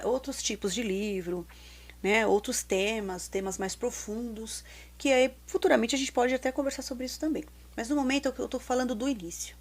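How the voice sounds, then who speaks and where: A woman teacher with a Brazilian Portuguese accent, giving casual, emphatic advice to parents and repeating her key points. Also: a little high.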